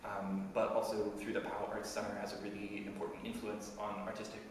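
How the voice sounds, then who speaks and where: Flat-voiced moderator man, echoey call. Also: lowish voice. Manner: measured, hesitant questioning with many fillers. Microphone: video call. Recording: echoey room, distant mic, audible noise.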